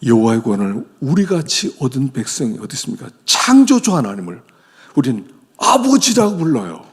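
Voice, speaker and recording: A middle-aged man preaching a sermon as a pastor, with sudden leaps from loud exclamations down to hushed whispers. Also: medium pitch, huge pitch swings, brisk, husky. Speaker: senior pastor. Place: church sanctuary. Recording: long church hall reverb.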